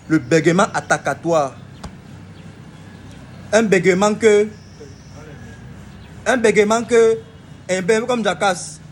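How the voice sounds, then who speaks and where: This comedy video host's voice sits high, with a little background noise behind it. He's playful in his explanations, performing each example on his own and stuttering through them.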